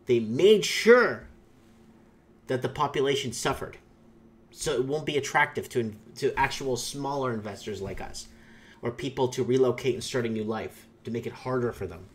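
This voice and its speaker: A man whose first language is Portuguese hosts his YouTube channel in a mid-range voice with lively intonation and a moderate pace. He rambles through opinionated reactions to viewer comments, frequently filling gaps and starting over.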